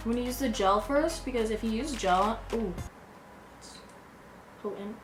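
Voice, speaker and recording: Giggling tipsily, a young makeup vlogger talks casually through her tutorial in a slightly high voice at a moderate pace. Background music plays in the echoey room.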